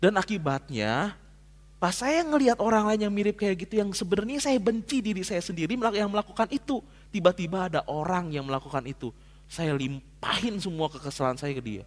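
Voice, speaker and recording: A male pastor preaches in a church hall, his fairly high voice rising and falling with animated swings. He tells a story in casual slang, now hushed, now loud, and long reverb trails each phrase. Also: fairly quick. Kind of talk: sermon.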